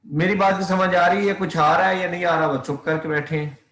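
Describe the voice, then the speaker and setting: Math lecturer, male, coaxing students to respond; slightly high voice, echoey room. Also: steady tone, brisk, a bit bright. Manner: addresses students as beta, checks if they hear. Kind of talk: online class lecture.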